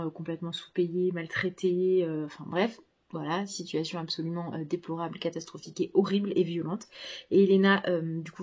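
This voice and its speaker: A woman book vlogger with a somewhat low, breathy voice, chatting casually through a book unboxing. She gushes with enthusiasm and keeps stopping to restart her sentences. Her speech stumbles and is thick with fillers. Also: mellow. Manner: halting, full of fillers and restarts; gushing enthusiasm.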